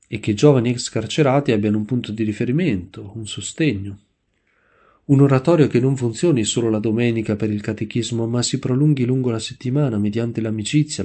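A male narrator reads a scripted story in a measured, solemn way. His voice is dark and mellow, sitting at a middling pitch.

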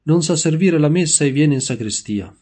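A man's voice: a little high, lively intonation, moderate pace, warm tone, pitched above the performer's own voice. A man voicing a bad-tempered male church sacristan who scolds harshly in a raised voice. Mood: angry.

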